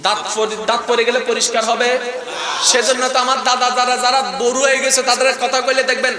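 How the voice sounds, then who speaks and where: A man with a Chittagong-tinged Bangladeshi accent preaching a fiery sermon, shouting and chanting in a sing-song rise while calling on the crowd to answer. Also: very high voice, level tone, fast. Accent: Bangladeshi Bengali, Chittagong. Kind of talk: fiery Bengali religious sermon. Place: outdoor gathering with a large crowd. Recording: echoey loud public address with crowd noise.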